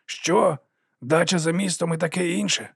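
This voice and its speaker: Sly ancient sweeper monk, mocking and chiding, voiced higher by a male reader. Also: normal speed, creaky, breathy edge, no echo, clean studio sound, full character voice. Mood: sly teasing. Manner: teasing, chiding, lively.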